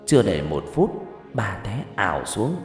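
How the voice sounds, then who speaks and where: A man's voice: lowish voice, normal speed. Man, ghost story narration, reverb-heavy, faint music behind. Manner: lively, dramatic storytelling. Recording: echoey reverb with background music.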